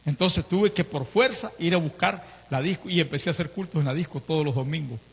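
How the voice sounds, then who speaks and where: A male pastor with a Nicaraguan accent preaching a sermon, telling stories with swings in pitch and volume. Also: brisk, vocal fry, slightly rough. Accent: Nicaraguan Spanish. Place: church. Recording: reverberant church hall.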